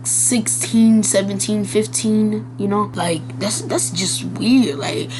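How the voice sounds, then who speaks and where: A woman's voice: mid-range voice, slow, background noise. Rambling, crude young-sounding woman reacting. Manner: blunt, crude, rambling, with frequent fillers. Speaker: reaction video host. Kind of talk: casual reaction commentary.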